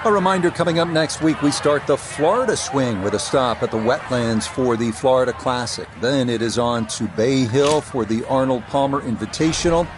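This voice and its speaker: A man working as a golf play-by-play commentator, calling putts and setting up each hole in a measured way. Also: medium pitch, background noise.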